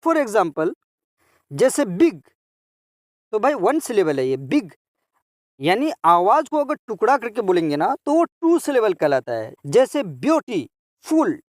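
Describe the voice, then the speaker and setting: A man teaching English grammar to children, drilling each word form slowly and repeating it, then explaining and translating it. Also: high-pitched, very animated, no echo, studio quality. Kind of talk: grammar lesson.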